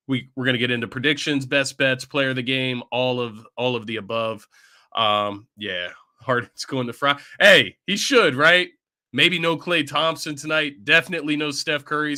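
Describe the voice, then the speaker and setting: A man's voice: mid-range voice, pushed and bright, no echo. Congested man hosting a pregame sports show. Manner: chatty, often tags lines with "right?". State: congested from illness. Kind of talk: casual pregame sports talk. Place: at home.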